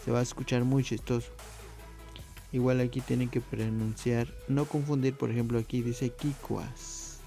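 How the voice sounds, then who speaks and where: A man teaching a casual video language lesson, patient and repetitive, calling his viewers friends and slowing down to model pronunciation. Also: mid-range voice, level tone, gravelly, mellow, faint music behind. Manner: patient, repeats words slowly to model pronunciation; addresses viewers often as friends.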